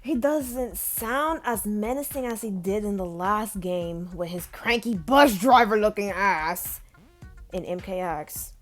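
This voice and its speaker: A woman vlogger chatting casually in a playful, profane, gushing way. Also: medium pitch. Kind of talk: casual chat.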